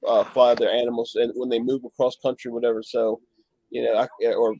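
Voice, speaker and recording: A man talking on a casual live chat, halting, with many fillers and restarts. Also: mid-range voice, little pitch movement, warm tone, dry recording, rough recording.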